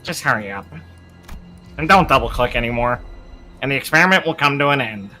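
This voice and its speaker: A man's voice: medium pitch, expressive, fairly quick, sharp tone, low-quality recording. A man streaming a game, chatting casually in a blunt, teasing way with some swearing. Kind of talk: casual chat over gameplay. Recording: faint game music behind.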